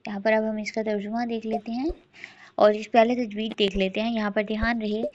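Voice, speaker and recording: Soft-spoken woman teaching recitation. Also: on the high side, flat delivery, muffled recording, a little hiss or hum. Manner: explains quickly, then recites slowly in a chanting voice. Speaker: Quran tajweed teacher. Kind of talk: recitation lesson.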